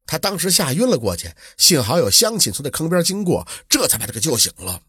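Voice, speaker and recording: A man narrating an old folk tale in a lively, colloquial storytelling manner. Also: on the high side, fast, slightly rough, no echo, studio quality.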